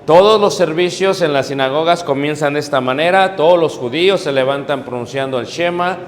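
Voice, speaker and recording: A man's voice: a little high, a little fast, big-room sound, slight background noise. A man teaching a church class, explaining worship songs and leading the group to sing and chant phrases after him. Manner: leads a class in call-and-response chanting and singing. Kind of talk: classroom teaching with sung practice.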